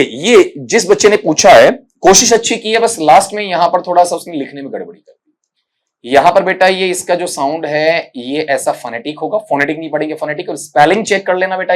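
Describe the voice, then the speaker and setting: Brief: middle-aged male tutor, somewhat high voice, lectures plainly with a scolding edge. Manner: addresses students as beta, repeats "thik hai" often; corrects pronunciations by saying sounds slowly one by one. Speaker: English teacher. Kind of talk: exam-prep lecture.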